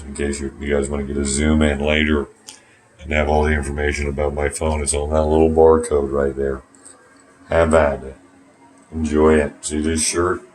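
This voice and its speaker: A vlogger with an extremely low, slightly mellow voice rambles to his phone camera from a small, warm bathroom at home, swearing and growing sarcastic in a casual monologue. Slight background noise can be heard.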